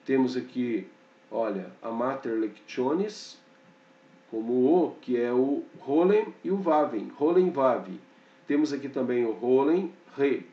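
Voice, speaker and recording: A man teaching a slow, explanatory grammar lesson, pointing things out on a board and checking in often with short fillers. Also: medium pitch, lively intonation, recorded from a distance. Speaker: Hebrew teacher. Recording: dull, echoey room, off-mic.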